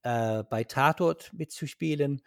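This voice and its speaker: A man's voice: mid-range voice, measured pace, gravelly, no room sound, studio quality. A man from Ireland with an Irish accent, speaking German in a casual interview as a guest, hesitant, with many fillers and restarts.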